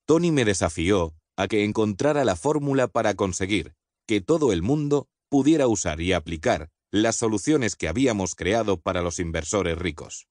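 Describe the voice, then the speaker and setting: A man narrating an audiobook foreword in a measured, even reading style with clear phrasing. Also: fairly low pitch, dry recording, studio quality. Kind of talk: scripted narration of a book foreword.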